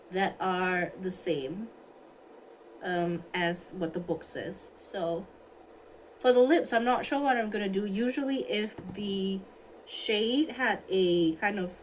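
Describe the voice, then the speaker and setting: A woman from Singapore chats her way through a makeup livestream, taking her time and thinking aloud as she picks colors and replies to viewers. Her voice sits at an ordinary middle pitch. A faint room hum sits behind it, picked up by a phone mic. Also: rough recording. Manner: chatty, thinking aloud, answering chat comments. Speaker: beauty livestreamer. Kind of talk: casual livestream chat while doing makeup. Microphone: phone on a stand.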